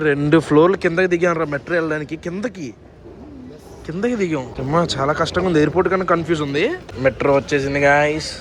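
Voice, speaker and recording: A young man vlogging his trip, chatting casually and teasing his friends, filmed on a handheld phone. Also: a little high. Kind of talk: casual travel vlog chat. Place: outdoors and in transit, airport and streets. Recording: noisy street and traffic sound.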